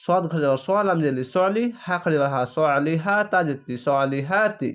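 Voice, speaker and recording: A man with a Bangladeshi Bengali accent teaching Quran reading, spelling out each letter and vowel mark aloud, then blending the syllables. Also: a little high. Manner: recites verses in a slow drawn-out chant. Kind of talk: slow spelling-out recitation lesson.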